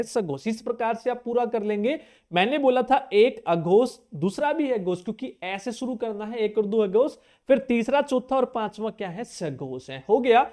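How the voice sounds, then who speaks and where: A man's voice: high voice, a little mellow. A male teacher giving an exam-prep grammar lesson who fires questions at his viewers, answers them himself, repeats key terms to drill them and casually calls them brother.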